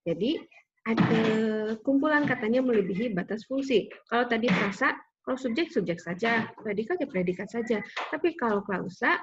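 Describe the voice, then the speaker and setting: A woman's voice: a little high, expressive, normal speed. Woman lecturing patiently, lo-fi. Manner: patient explaining with frequent "gitu ya" tags. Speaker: university lecturer. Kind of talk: recorded online lecture. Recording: slightly dull lo-fi audio with faint noise.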